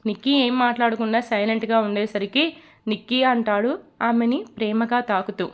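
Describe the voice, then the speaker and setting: Lady reading a love story out loud, kinda high voice, steady and expressive. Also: moderate pace. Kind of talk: scripted story narration.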